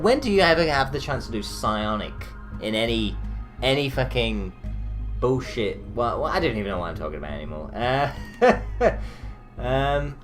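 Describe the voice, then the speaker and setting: A man giving rambling, profane, joking commentary as he plays a game. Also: mid-range voice. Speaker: let's play host. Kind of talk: gameplay commentary.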